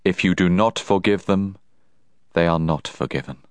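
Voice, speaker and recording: A man voicing Jesus in a dramatized scripture reading, slow, grave and soft-spoken. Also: deep voice, clean tone, no echo, voice pushed down, lightly acted. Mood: solemn. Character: solemn, gentle adult male Jesus.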